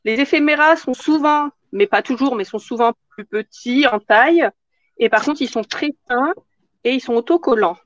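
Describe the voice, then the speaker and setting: A woman's voice: high voice, normal speed, no echo, highs cut off. A woman hosting a live craft tutorial in casual chat, answering viewer comments as she works.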